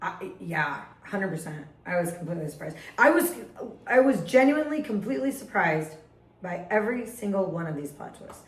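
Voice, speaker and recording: A woman co-hosting a podcast in a casual book chat. She is giggly and animated and talks in quick bursts. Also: fairly low pitch, echoey room, poor audio. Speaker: podcast co-host.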